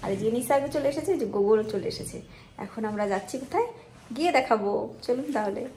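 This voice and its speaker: A woman's voice: fairly high pitch, lively intonation, brisk, noisy background. A middle-aged woman, chatting casually to viewers while she cooks in her kitchen. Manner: chatty, talks to viewers directly. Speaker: vlogger. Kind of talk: casual home vlog narration. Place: home kitchen.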